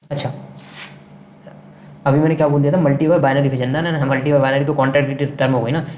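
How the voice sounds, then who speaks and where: Fast-talking man teaching in an echoey room. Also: mid-range voice, level tone, a little mellow, muffled recording. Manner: asks and answers own questions, repeats key terms. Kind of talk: classroom science lecture. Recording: echoey room with faint background noise.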